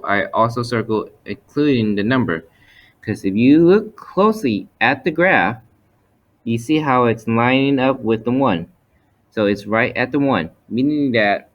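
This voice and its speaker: Male instructor, average pitch, step-by-step explanatory screen-lesson narration with methodical repetition. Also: a bit bright. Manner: methodical, explanatory, repeats points. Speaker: math teacher. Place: voice-over for a screen recording.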